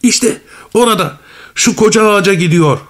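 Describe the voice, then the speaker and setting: A man's voice: fairly high pitch, moderate pace, pitched above the performer's own voice, lightly acted. A man voicing a clever, determined cat in a storybook reading, urgent and commanding. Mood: excited.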